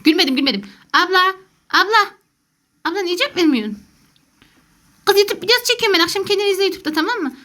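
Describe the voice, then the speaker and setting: A woman's voice: very high-pitched, animated, fast talker, pauses often, sharp tone. A woman doing jokey, panicky let's play commentary as a gaming YouTuber who calls herself a gamer mom.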